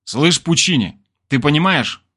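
A rowdy young bass player with a crude, brash way of talking, slightly raised above the reader's usual voice, as a man plays him. He is loud and swears freely, flaring up at the slightest provocation. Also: animated, unhurried, breathy edge, full character voice. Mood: mocking. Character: rowdy young male bassist, crude and quick to explode.

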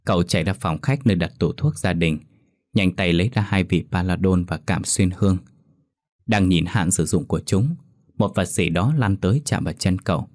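A man narrating a ghost story in a slow, measured storytelling voice. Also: sits low, darkish tone, dry recording, clean studio sound. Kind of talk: scripted horror story narration.

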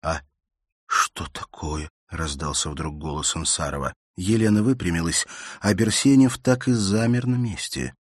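A man narrates a classic novel in a measured storytelling voice. His tone is very low and husky. The sound is dry and close. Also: no echo. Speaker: audiobook narrator. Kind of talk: scripted literary narration.

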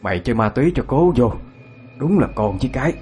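A man doing a sharp-tongued scolding mother. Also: mid-range voice, animated, quick pace, faint music behind, voice pushed up, close to an everyday voice.

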